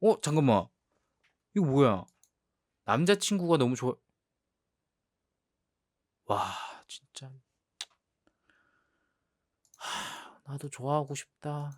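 Playing a young boyfriend in an ASMR role-play drama, a man sounds playful and defensive, stumbling and repeating himself as he protests with a teasing, wistful air. His mid-range voice is very animated, and the clean studio recording has no room sound.

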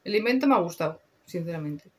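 A woman's voice: lowish voice, animated, fast. A young woman with a Spain Spanish accent, chatting casually and slangily through a makeup review, swearing freely. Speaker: beauty vlogger.

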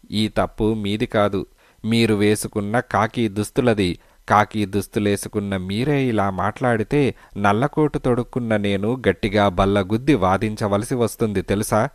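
A man's voice: lowish voice, no room sound, close to an everyday voice. A man voicing a broke, desperate male lawyer who pleads and blusters.

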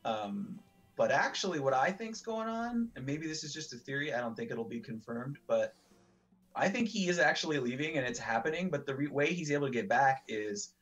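A man's voice: mid-range voice, lively intonation, a little fast, fairly bright tone, faint music behind. A man giving casual, rambling commentary over a video game, full of fillers and the odd swear. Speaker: let's play commentator. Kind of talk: casual gameplay chat.

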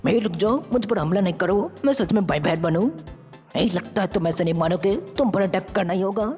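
A woman's voice: mid-range voice, expressive, brisk, a little mellow, close to an everyday voice. A woman voicing an earnest young male hero in a fan-made game story, talking to himself as he goes. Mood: determined. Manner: eager, earnest, talks to himself while acting. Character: brave young male hero who turns into aliens. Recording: reverberant with faint music.

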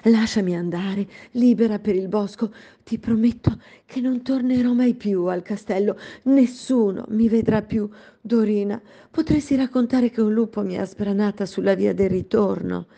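A woman voicing a gentle, frightened young princess who begs for mercy. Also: medium pitch, moderate pace, vocal fry, highs cut off, pitched above the performer's own voice. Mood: pleading. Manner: pleading.

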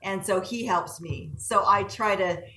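A woman's voice: medium pitch, measured pace, sharp tone, a little hiss or hum. A woman answering interview questions in an earnest way, often repeating words as she searches for them. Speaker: guest entrepreneur. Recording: echoey room heard from a distance.

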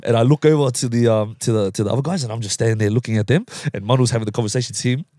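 A young man hosting a podcast, telling a story in a casual, animated way, laughing often and swearing freely. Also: medium pitch, rapid-fire, no room sound. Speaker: podcast host.

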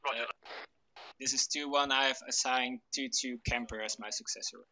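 Over dull-sounding online gaming voice chat with slight background noise, a man leads a team in a military game, explaining tactics casually and hesitantly. His medium-pitched voice is brisk, pushed, and bright, with fairly even intonation.

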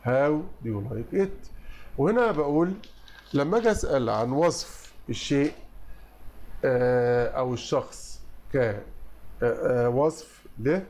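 A man with an Egyptian Arabic accent, an English teacher explaining multiple-choice answers. He reads English sentences slowly and explains them quickly in Arabic. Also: medium pitch, darkish tone.

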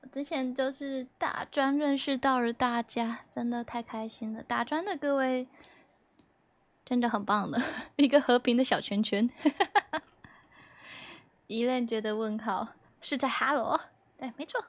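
A young woman streams from home and chats loosely with her viewers, reading their messages aloud. Her voice sits a little high and she giggles through her lines, playful and teasing. The sound is dry and close on a desk mic with no room echo. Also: unhurried, pauses often. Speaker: livestreamer. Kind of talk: casual chat with viewers.

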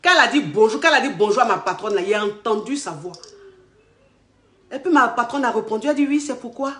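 A woman telling her life story in casual, animated speech, quoting the people she met. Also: on the high side, fast talker. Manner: animated retelling with acted quotes. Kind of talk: personal storytelling. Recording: echoey room.

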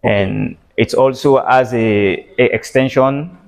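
A man's voice: medium pitch, takes it slowly, creaky. A man who manages a restaurant answers interview questions briefly and matter-of-factly.

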